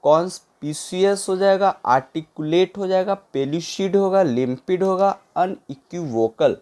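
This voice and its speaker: A man with a slightly high voice runs an exam-prep vocabulary lesson. He repeats each English word, spells it out letter by letter, and keeps checking in with the class as he goes. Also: a little mellow. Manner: spells words letter by letter, repeats terms slowly, frequent "ठीक है" fillers.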